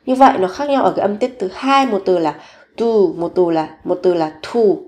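A woman teaching Korean vocabulary in a recorded lesson, slowly repeating each word several times. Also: medium pitch, a little mellow.

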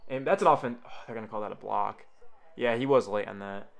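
Excitable male fan doing casual play-by-play for his channel, chatty, with loud outbursts. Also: on the low side, brisk, creaky. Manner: excitable, jumps to loud shouts on big plays; rambling, talks straight to viewers. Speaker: YouTuber reacting to a live game. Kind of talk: casual live play-by-play reaction.

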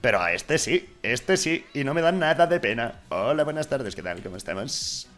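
Excitable young man gaming, shouting. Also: medium pitch, moderate pace, soft background music. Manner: excitable, swings from muttering to shouting, swears a lot. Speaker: gaming YouTuber. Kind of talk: casual gameplay commentary.

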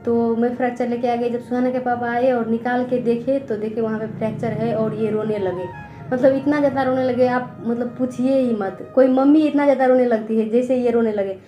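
A young woman vlogging as a mother, calm and matter-of-fact. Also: fairly high pitch, brisk, roomy sound, soft background music. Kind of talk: family vlog talk.

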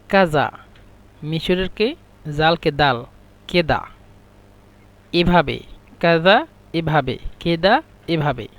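A man leads a language lesson, repeating every phrase with care before explaining it. His voice sits a little high, and he speaks very slowly. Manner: repeats each phrase slowly, then translates. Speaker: Arabic teacher. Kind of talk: slow vocabulary lesson.

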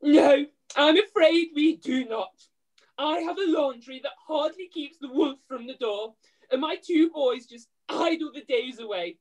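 Woman doing panto widow, high voice, brash, long-suffering, arch, exclaiming mother. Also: a little slow, darkish tone, poor audio. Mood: brash, plaintive. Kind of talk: amateur pantomime read-through. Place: room, on a video call.

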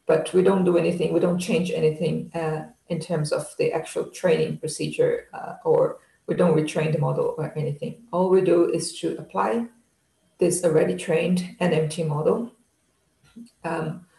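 A keynote speaker giving a technical lecture over slides on a video call, talking in a halting way with many restarts and fillers. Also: mid-range voice, fairly even intonation, vocal fry, warm tone, reverberant, poor audio. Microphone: video call webcam.

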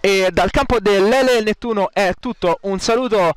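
A man giving excitable futsal highlights commentary as a sports commentator, building into drawn-out cries on goals. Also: a little hiss or hum.

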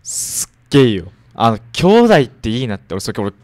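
A man co-hosts a relaxed radio chat and talks quickly. His pitch moves a lot and his banter is playful. The studio sound is dry and close. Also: no echo. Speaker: radio co-host. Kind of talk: casual chat.

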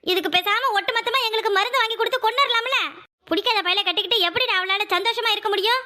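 A woman's voice: very high voice, fast, bright, forceful tone. A woman voicing an older village mother in a cartoon, frightened for her daughter and fierce toward the family she blames, in a southern Tamil Nadu dialect. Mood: furious. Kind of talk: cartoon voice acting.

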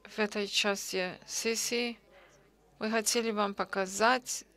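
A woman giving simultaneous conference interpretation, halting, with frequent pauses and self-corrections. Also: mid-range voice, gravelly, a bit bright.

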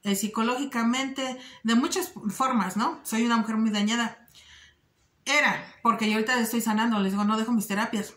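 A woman talking earnestly and directly to her viewers in a casual vlog, often pausing on fillers. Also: on the high side, fairly even intonation, a bit bright, roomy sound. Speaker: vlogger giving advice. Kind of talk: casual direct-to-camera talk.

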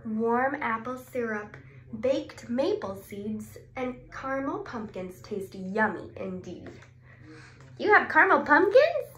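A young, expressive speech therapist in her 20s, her voice a little high, gives an animated read-aloud of a children's picture book, exclaiming and asking questions before pausing to answer. She's in a small clinic room, with roomy echo and clear background noise.

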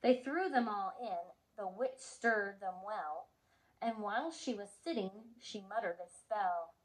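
A woman preschool teacher at home reading a picture book aloud to children, animated and gasping with chatty asides. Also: medium pitch, unhurried, rough recording.

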